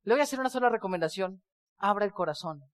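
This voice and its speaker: A hushed, insistent woman of about fifty, keyed up and quietly pushy, as a man puts her on. She speaks low and soft, with a voice pitched well above an ordinary man's. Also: fairly quick, lightly acted. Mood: hushed urging. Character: excited fifty-year-old woman convention-goer.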